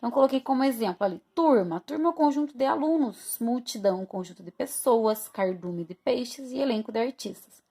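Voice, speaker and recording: A woman's voice: on the high side, expressive, brisk, mellow. A woman teacher from Brazil, recording a review lesson for her students and explaining each point step by step while checking in with them often.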